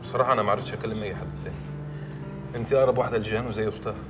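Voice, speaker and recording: An actor playing an exasperated young newlywed husband, speaking with an Egyptian Arabic accent in a rapid, pleading way. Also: male voice, lowish voice, recorded from a distance, natural voice. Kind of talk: film drama acting. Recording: film soundtrack music behind.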